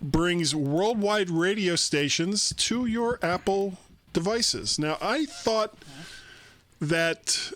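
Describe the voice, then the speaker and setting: An older man hosts a casual tech podcast over a video call, rambling and chatty and quick to laugh, speaking from a room at home into a studio microphone on a boom. His voice sits high and a bit bright, and he talks extremely slowly.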